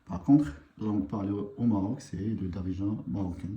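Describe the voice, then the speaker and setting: A man teaching a live online language lesson, unhurried and hesitant, with many pauses and fillers. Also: lowish voice, mellow, reverberant, highs cut off.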